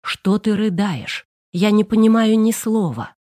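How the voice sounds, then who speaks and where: A brisk, no-nonsense woman lawyer who talks in short, clipped commands, as a female audiobook reader voices her. The tone stays warm and dark. The sound is close and dry. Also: mid-range voice, expressive, no echo, lightly acted. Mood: curt, tense. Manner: curt, commanding, hushed.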